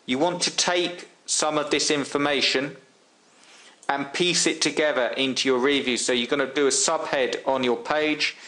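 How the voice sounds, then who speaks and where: A man's voice: a little high, fairly even intonation, normal speed, sharp tone. Chatty man explaining like a friend. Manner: chatty, friend-to-friend tone with frequent ums and restarts. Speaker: online marketing tutor. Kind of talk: casual screen-share tutorial.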